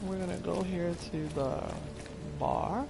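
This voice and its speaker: A woman with a creaky voice giving casual commentary as she plays a video game. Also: fairly low pitch, steady tone, measured pace, very noisy. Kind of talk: casual let's-play commentary. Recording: game music behind the voice.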